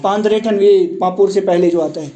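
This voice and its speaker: A male teacher lectures a class in a high, lively voice. He keeps asking students questions and repeats the key words back to them. He defines terms as he goes and slips in English words. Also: lo-fi sound. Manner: explains word meanings, mixing in English terms. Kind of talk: classroom lecture explaining a text.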